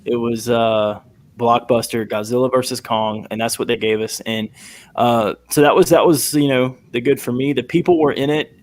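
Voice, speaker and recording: A man's voice: medium pitch, steady tone, moderate pace. A man in casual chat, speaking hesitantly with many restarts.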